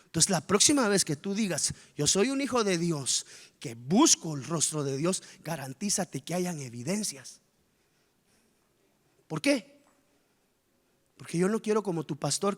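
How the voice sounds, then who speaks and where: A man preaching a sermon as pastor, animated and firing rhetorical questions at the congregation. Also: mid-range voice, husky. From Guatemala. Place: church. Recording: reverberant church hall.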